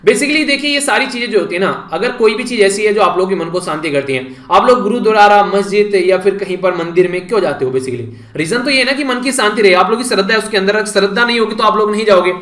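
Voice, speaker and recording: A man's voice: sits high, lively intonation, quick pace, hardly any pauses, fairly bright tone, reverberant. A man with an Indian accent teaching current affairs in a casual, chatty lecture and talking straight to his students. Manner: chatty, addresses students directly with "yaar". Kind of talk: casual Hindi lecture recap.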